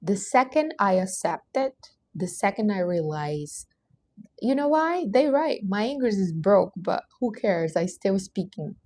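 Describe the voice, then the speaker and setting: This woman hosts a livestream, delivering a motivational talk that is earnest and emphatic, her grammar non-native and her accent Portuguese from her first language. She has a medium-pitched, darkish voice with a sing-song lilt and a measured pace.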